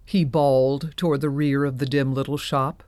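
A woman narrating an audio drama in a measured storytelling manner. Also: a bass voice, fairly even intonation, dark tone, dry recording.

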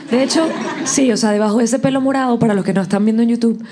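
Woman, comedy podcast co-host, sarcastic and crude, fast talker, loud noise behind. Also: fairly high pitch. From Puerto Rico. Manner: quick, crude, sarcastic quips. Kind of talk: casual comedy podcast chat.

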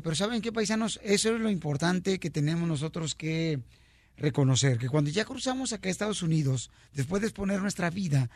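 A man hosting a lively radio show, jokey and loud, calling listeners friends and champions. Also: on the high side, no room sound. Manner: jokey, loud, calls listeners paisanos and campeón.

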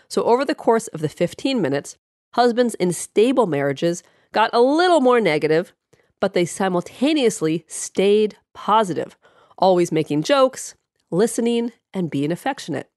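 A woman's voice: medium pitch, very animated, moderate pace, darkish tone, no echo, studio quality. A woman hosting a scripted advice podcast in a chatty, playful way, her voice froggy and congested as she gets over a cold. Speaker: podcast host, psychologist.

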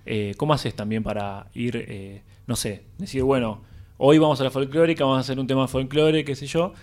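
A man's voice: medium pitch, fairly even intonation, moderate pace, darkish tone. Male radio host, mid voice, hesitant, filler-heavy delivery. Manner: hesitant, many fillers and affirmations. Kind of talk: casual interview. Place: radio studio.

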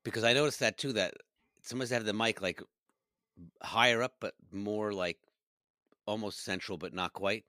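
Male podcast co-host, lowish dry voice, teasing and encouraging. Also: normal speed, pauses often, sharp tone, no echo. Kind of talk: casual chat.

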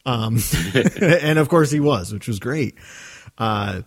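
A man's voice: medium pitch, expressive, takes it slowly. Easygoing man hosting a podcast. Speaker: podcast host. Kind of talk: casual podcast chat.

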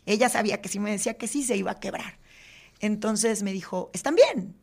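A woman, a guest in an interview, telling a personal story in an earnest, halting way with many fillers and often dropping to a quiet, subdued voice. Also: medium pitch, fairly even intonation, vocal fry. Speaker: podcast guest.

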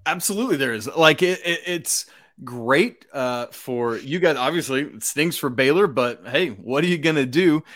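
A man's voice: mid-range voice, animated, moderate pace, fairly bright tone, no echo, studio quality. A man with a Georgia accent hosting a sports podcast, exclamatory and folksy, addressing listeners like buddies. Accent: Georgia, American South. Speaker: podcast host.

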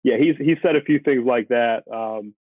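A man's voice: medium pitch, normal speed, no room sound. A man from the Syracuse area, a sports reporter guesting on a podcast, talking in an easygoing way with a lot of hedging fillers. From Syracuse, New York area, USA. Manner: easygoing, talks it through with many hedging fillers. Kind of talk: casual podcast chat. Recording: tinny phone-line audio, dry.

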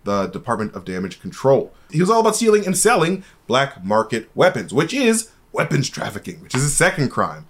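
A man's voice: medium pitch, brisk, few pauses. A man co-hosting a podcast, chatting casually in a jokey way with frequent laughter. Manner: jokey, laughs often, lively delivery. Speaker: podcast co-host. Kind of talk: casual chat.

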